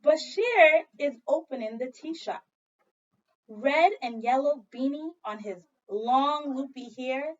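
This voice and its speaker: Speaking slowly in a high voice, a second grade teacher reads a story aloud expressively for a children's read-aloud lesson. She talks directly to the young kids, asking questions and repeating things. The audio is dull.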